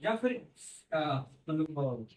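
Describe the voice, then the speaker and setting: High-voiced man lecturing in an echoey classroom. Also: sing-song, extremely slow, distant mic. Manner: explains step by step, repeats "theek hai" and "hai na". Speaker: teacher. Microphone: no microphone, far from the recorder.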